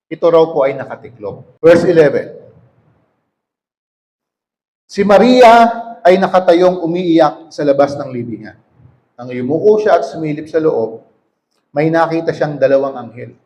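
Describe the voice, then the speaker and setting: High-voiced man preaching a sermon. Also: gravelly, warm tone. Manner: reads verses aloud then explains them, asking "okay?". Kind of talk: sermon reading and explaining scripture.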